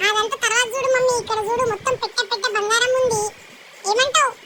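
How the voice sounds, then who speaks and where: A young girl, chatting excitedly and bossily, whispering secrets as she narrates a family vlog. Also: extremely high pitch, quick pace. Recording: loud background noise.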